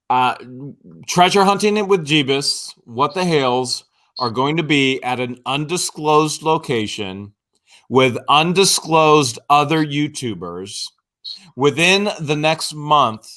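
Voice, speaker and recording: A playful man co-hosting a casual live stream, his voice bright and forceful and sitting a little high for a man. He jokes freely and reads out viewer guesses with easy banter. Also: expressive, takes it slowly.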